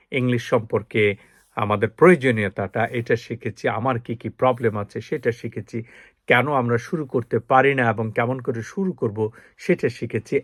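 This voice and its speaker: A man's voice: medium pitch, dry recording, studio quality. A man, an English teacher giving a lesson, explaining patiently and speaking straight to the viewer. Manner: drills example sentences in a steady repetitive rhythm. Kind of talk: spoken language lesson.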